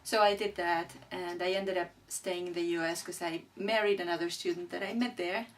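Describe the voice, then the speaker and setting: A middle-aged Argentinian artist, a native Spanish speaker, reflects on her own work in an interview indoors beside a displayed print. Her lower-pitched voice holds a steady tone as she speaks thoughtfully, halting and searching for words. The mic is distant, with light background noise.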